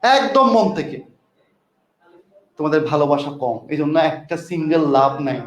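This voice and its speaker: Male tutor, high voice, repeats and coaxes students, roomy echo. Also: big pitch swings, moderate pace, dull audio. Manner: repetitive, coaxing teacher talk. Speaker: English tutor. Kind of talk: online class lecture.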